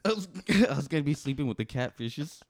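A man's voice: on the high side, expressive, brisk, no room sound, clean studio sound. A man who is a guest on a podcast, telling a story in casual, profane chat.

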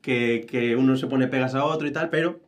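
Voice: mid-range voice, fairly quick. A guest in a casual interview chat, talking animatedly and acting out quoted voices. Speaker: guest, actor and teacher.

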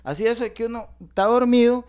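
A man with a Costa Rican accent telling a comic story in casual chat, animated and full of sound effects. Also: extremely high pitch, fast talker, smooth. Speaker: podcast guest storyteller.

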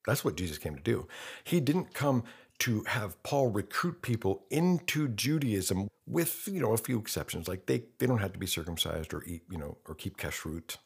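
A man's voice: lowish voice, lively intonation, moderate pace, vocal fry, husky. A man in his fifties, a podcast host delivering an impassioned, blunt monologue with rhetorical questions. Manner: earnest and blunt, with rhetorical questions and mocking quoted voices.

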